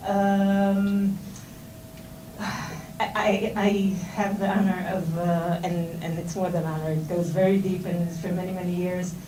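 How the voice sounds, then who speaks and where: A woman's voice: fairly low pitch, level tone, unhurried, mellow. A middle-aged Israeli woman giving an informal talk to seminar students, with a Hebrew accent in her English and many fillers and restarts. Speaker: speaker at a seminar. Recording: roomy and distant, with noise.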